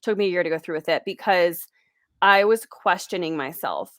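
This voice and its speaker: A woman's voice: on the low side, moderate pace, no room sound, clean studio sound. A woman in her late twenties, a guest speaking candidly and reflectively in an interview conversation. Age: 20s. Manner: candid, reflective, laughs lightly.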